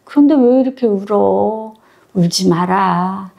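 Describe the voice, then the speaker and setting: Calm, tender old grandmother near death, slow and soothing, read by a woman storyteller. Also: mid-range voice, gravelly, lo-fi sound.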